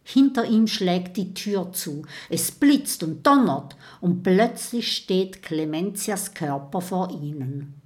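A woman narrating a children's story with a measured, dramatic read-aloud delivery. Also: lowish voice, lively intonation.

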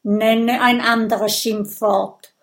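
A woman's voice: fairly high pitch, flat delivery, drawn-out words. A woman doing a firm young Viking referee.

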